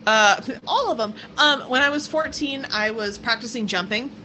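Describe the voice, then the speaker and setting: A young woman telling stories as a guest in a casual interview, animated and laughing often. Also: moderate pace, slight background noise, rough recording. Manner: animated, acts out quotes in high voices, laughs often.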